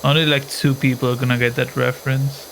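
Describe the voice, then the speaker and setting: A man's voice: mid-range voice, flat delivery, a little fast, vocal fry, a bit bright, slight background noise, poor audio. A man chatting casually and joking around, swearing now and then. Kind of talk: casual chat.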